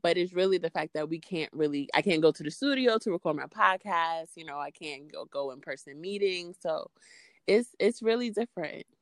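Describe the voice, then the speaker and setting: Low-pitched woman. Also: lively intonation, moderate pace, dry recording, studio quality. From Queens, New York. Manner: informal, peppered with "like" and "you know". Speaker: interview guest, freelance podcaster. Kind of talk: casual conversational interview.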